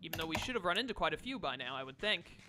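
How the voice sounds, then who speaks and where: A man chats and commentates casually while gaming with friends. He talks fast in a bright, slightly high voice. Some noise and keyboard clicking sit behind him. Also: big pitch swings. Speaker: gamer streaming with friends.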